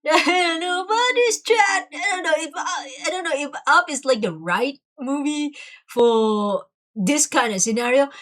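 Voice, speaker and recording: A chatty young woman from Thailand streams games, her lively, high-energy voice carrying casual livestream commentary. English isn't her first language, and she rambles, leans heavily on fillers, and often restarts her sentences.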